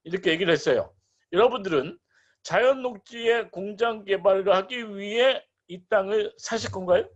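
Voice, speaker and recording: A man giving an online real estate lecture, animated and asking rhetorical questions with playful asides. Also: sits high, normal speed, highs cut off.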